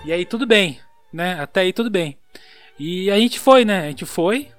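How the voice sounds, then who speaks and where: A young man with a São Paulo accent telling a story in a casual, slangy, animated way. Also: high-pitched, normal speed, soft background music. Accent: São Paulo Portuguese. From São Paulo, Brazil. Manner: animated, slangy storyteller who acts out voices.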